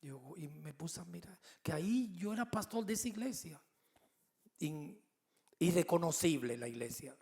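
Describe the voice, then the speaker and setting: Pastor de mediana edad, voz algo aguda y rasposa, sermón narrado con humor. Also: male voice, fairly high pitch, moderate pace. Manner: animated storytelling with humor. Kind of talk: sermon.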